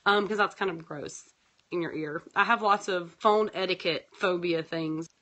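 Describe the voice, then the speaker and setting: A pharmacist in her thirties hosting her podcast with a raspy voice from a sore throat, talking casually with lots of filler words. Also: lowish voice, sharp tone. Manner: rambling, many fillers, talks through frustrations. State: hoarse from a sore throat and sinus infection. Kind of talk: casual monologue.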